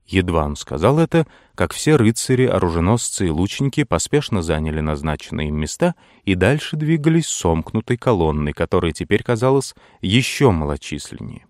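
Low-voiced male audiobook narrator. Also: sing-song, a little mellow, dry recording, studio quality. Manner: measured, unhurried storytelling. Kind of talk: scripted literary narration.

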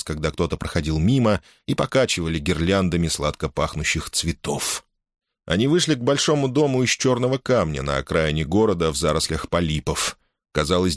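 Male narrator, low register, even and measured, dry close recording. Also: no room sound. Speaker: audiobook narrator. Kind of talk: scripted narration.

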